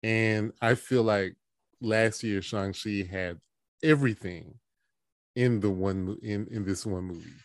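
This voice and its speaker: A man's voice: on the low side, unhurried, no echo. A man co-hosting a podcast, chatting casually and making his points earnestly. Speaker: podcast co-host.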